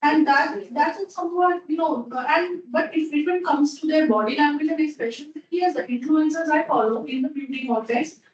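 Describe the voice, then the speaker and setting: A woman's voice: sits high, normal speed, hardly any pauses, highs cut off. A woman in a focus group, chatting with frequent fillers. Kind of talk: casual discussion. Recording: echoey distant meeting recording.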